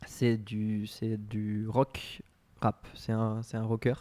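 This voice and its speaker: A man's voice: fairly low pitch, completely flat delivery, slow pace, mellow, dry recording. A man co-hosting a casual podcast, giving cultural recommendations in a rambling way with many hesitations and restarts. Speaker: podcast co-host. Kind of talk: casual chat.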